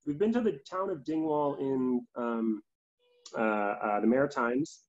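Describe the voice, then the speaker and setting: Over dull laptop audio on a video call, a young Canadian man from Calgary, who runs a theatre as artistic director, chats casually as a guest from a small indoor room. He speaks at a measured pace in a medium-pitched, darkish voice.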